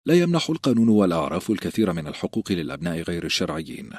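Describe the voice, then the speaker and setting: Deep, husky male audiobook narrator. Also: big pitch swings, very fast, a little mellow, dry recording, clean studio sound. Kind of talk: scripted narration.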